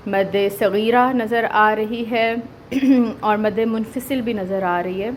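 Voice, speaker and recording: A woman with a Pakistani Urdu accent, teaching Quran recitation step by step and checking in often with the listener, drawing the verses out slowly when she recites. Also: a little high, slight background noise. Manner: explains step by step, checks with "theek hai"; slow drawn-out recitation of verses.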